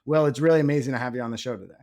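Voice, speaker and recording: A man's voice: medium pitch, rapid-fire, darkish tone. Friendly man co-hosting a medical podcast. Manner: friendly, laughs along, agreeable. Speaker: podcast co-host, doctor. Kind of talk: podcast interview.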